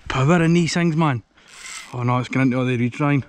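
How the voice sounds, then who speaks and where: A young Scottish man giving excited commentary while landing a fish at a lakeside, repeating himself and swearing when thrilled. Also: medium pitch, fairly quick, slight background noise. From Scotland. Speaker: angler filming a fishing trip. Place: lakeside outdoors.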